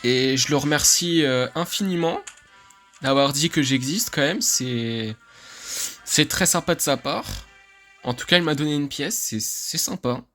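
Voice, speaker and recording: A man from France giving excitable, chatty let's-play commentary, laughing often and swearing casually. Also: fairly high pitch, unhurried, faint music behind. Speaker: gaming YouTuber.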